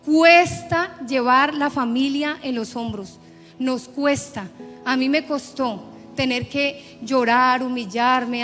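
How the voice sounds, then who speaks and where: A woman's voice: sits high, a bit bright. A woman preacher from Colombia giving an emphatic sermon with personal testimony in a church. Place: church sanctuary. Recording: church hall reverb with faint music.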